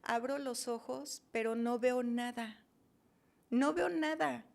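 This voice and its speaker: A woman's voice: a little high, slow pace, vocal fry, a little mellow. A woman, a podcast guest giving an emotional personal testimony and acting out her own pleas.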